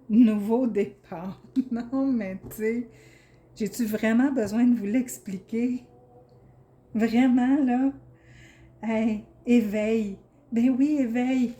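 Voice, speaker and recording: A woman's voice: on the high side, dark tone. Chatty Québécois tarot reader woman. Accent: Québécois French. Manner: chatty and enthusiastic, many fillers and restarts. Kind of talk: casual tarot reading for viewers.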